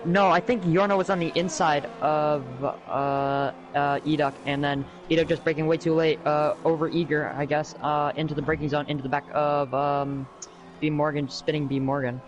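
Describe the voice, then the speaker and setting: A man giving live sim racing commentary as co-commentator, with halting, hesitant phrasing. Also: fairly high pitch, fairly even intonation. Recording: clearly noisy background.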